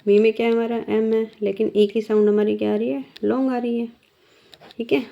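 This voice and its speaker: A woman's voice: a little high, flat delivery, creaky, dark tone. A woman teacher explaining shorthand step by step, patiently asking her students questions. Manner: slow, patient, asks the class questions. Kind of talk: step-by-step lesson. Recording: dull lo-fi sound.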